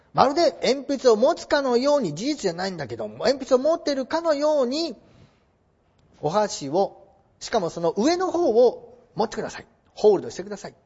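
A man teaching a lesson, explaining example sentences in a lively, coaxing way. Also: high voice, lo-fi sound. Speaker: English teacher. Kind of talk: lecture with read-aloud example sentences.

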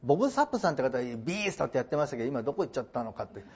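A man's voice: mid-range voice, very animated, racing, darkish tone, breathy edge, highs cut off. A man teaching English translation in a lecture, mixing formal polite phrasing with playful joking asides.

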